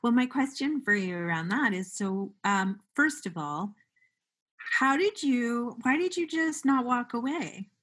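A woman speaking slowly and earnestly as an interviewer. She lingers over her words and trails through lists as she shapes her questions, with an unhurried, reflective feel. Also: a little high, animated, a bit bright, slightly rough. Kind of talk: reflective casual conversation.

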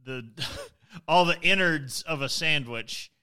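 A man's voice: fairly high pitch, slow pace, pushed and bright, smooth. A man co-hosting a podcast, joking and rambling in casual chat. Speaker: podcast co-host.

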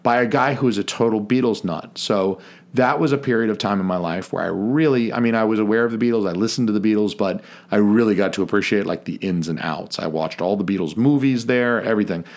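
A man co-hosting a podcast, speaking in a measured, mock-formal way that breaks into casual swearing. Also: on the low side. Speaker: podcast co-host.

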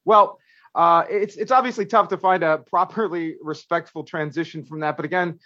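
A man's voice: fairly high pitch, moderate pace, pushed and bright, dry recording, dull audio. A man hosting a podcast, moving between prepared remarks and conversation. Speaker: podcast host. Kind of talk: podcast hosting, scripted opening and chat.

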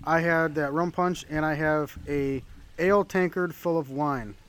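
A man's voice: a little high, a little slow, a bit bright, a little hiss or hum. A man co-hosting a casual podcast outdoors, tossing in dry, teasing remarks. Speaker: podcast co-host. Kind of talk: casual chat.

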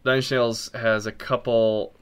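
A man's voice: medium pitch, level tone, measured pace, clear, resonant tone. A man co-hosting a podcast, chatting casually about music and rambling with frequent ums and restarts. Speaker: podcast co-host.

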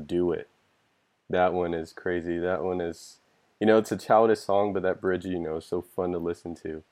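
A man's voice: low-pitched, a little mellow. A man guest on a music podcast, talking loosely and enthusiastically, swearing casually and filling speech with "like" and "you know.".

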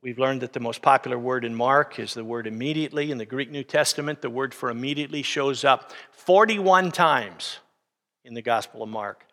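A man's voice: mid-range voice, sharp tone, big-room sound. A man preaching a sermon as pastor, teaching steadily and then rising to emphatic preaching.

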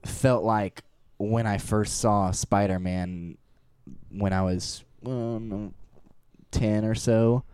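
A man in his twenties hosts a live-streamed podcast from home, rambling with excitement. His voice sits low and mellow, smooth in tone, in a dry, close room. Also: extremely slow, no echo. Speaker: podcast host. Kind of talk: casual chat. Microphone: live stream mic.

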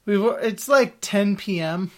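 A man's voice: high-pitched, slow. A man in his thirties hosts a podcast at home, his voice stuffed up from a head cold. He talks in a loose, rambling way, full of uhs and ums. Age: 30s. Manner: relaxed, rambling, many fillers. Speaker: podcast host. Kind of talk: casual podcast chat. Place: spare bedroom at home.

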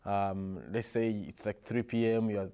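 A man's voice: on the low side, measured pace, smooth. Man from Rwanda telling stories. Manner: relaxed storytelling with frequent restarts and soft laughs. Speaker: guest. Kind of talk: casual interview conversation.

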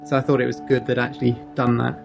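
A man's voice: medium pitch, little pitch movement, quick pace, gravelly, soft background music. A man chatting casually while watching a show, rambling with lots of "it's just like". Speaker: commentator reacting to a TV show. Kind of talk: casual chat.

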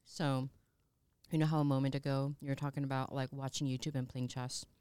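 A woman's voice: very deep voice, little pitch movement, a little fast, mellow, clear, resonant tone, no room sound. A woman co-hosting a podcast, chatting playfully about food. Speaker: podcast co-host. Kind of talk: casual chat.

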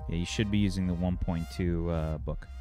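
A man with a fairly low voice runs a tabletop game. He talks casually and jokingly as game master, with faint music behind him. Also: steady tone, a little fast, dark tone.

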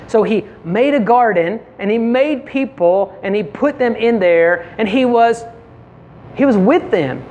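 A preacher giving a conversational sermon, retelling scripture by acting out the quoted voices, repeating words for emphasis and often adding a quick tag question. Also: medium pitch, lively intonation, a little mellow, lo-fi sound.

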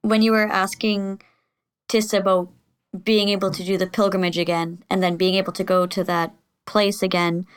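A woman's voice: medium pitch, little pitch movement, moderate pace, clean tone. A woman player in casual chat, rambling and searching for words.

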